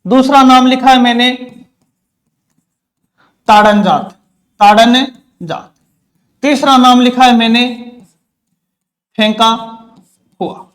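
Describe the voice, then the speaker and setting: A man's voice: very high-pitched, steady tone, a bit bright. A man teaching an exam-prep grammar lesson, repeating key terms and asking questions back to his students. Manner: says terms slowly, one by one.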